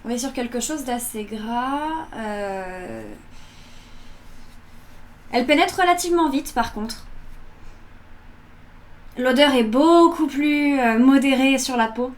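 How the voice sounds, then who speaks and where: A woman in her early twenties chats informally while unboxing and reviewing beauty products for a casual vlog. Her high-pitched voice is animated but slow, with long pauses. An electric fan whirs in the background.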